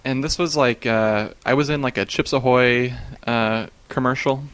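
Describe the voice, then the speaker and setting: A man's voice: medium pitch, normal speed, a bit bright, clear, resonant tone, no room sound. A man in casual chat, recounting strange dreams and often breaking into laughter. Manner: laughs often while telling, many fillers.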